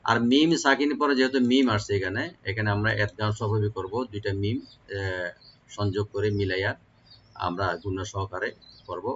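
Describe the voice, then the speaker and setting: A man teaching the rules of Quran recitation, explaining each sound slowly and then chanting the verse in a long, melodic style. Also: on the low side, steady tone, lo-fi sound. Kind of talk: tajweed lesson with recitation.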